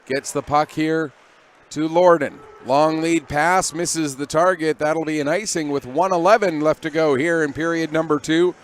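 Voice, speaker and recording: A man calling amateur ice hockey play-by-play at a local rink, giving brisk running calls of each play. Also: a little high, steady tone. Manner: brisk running play calls, rising when the action peaks. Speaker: play-by-play commentator.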